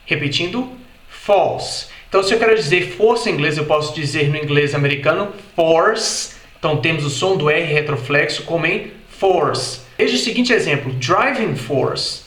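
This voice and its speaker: A man with a Brazilian Portuguese accent giving an explanatory video lesson, repeating example words slowly and carefully. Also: a little high, animated, a bit bright, echoey room. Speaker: English teacher.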